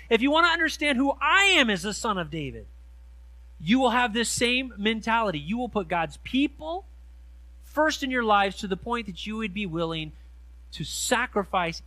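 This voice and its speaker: A middle-aged man preaching a sermon in a church, reading scripture slowly and stressing key words with earnest emphasis. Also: sits high, pushed and bright, no room sound. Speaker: pastor. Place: church sanctuary. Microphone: handheld mic.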